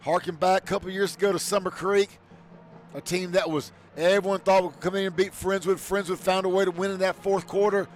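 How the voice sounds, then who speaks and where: A man calling high school football play-by-play, shouting on big plays. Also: level tone, brisk, soft background music. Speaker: play-by-play announcer.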